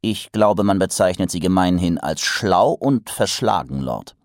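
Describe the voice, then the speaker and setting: A man voicing a serious, dutiful male secretary who answers gravely and respectfully. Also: sits low, lively intonation, measured pace, no room sound, clean studio sound. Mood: deadpan.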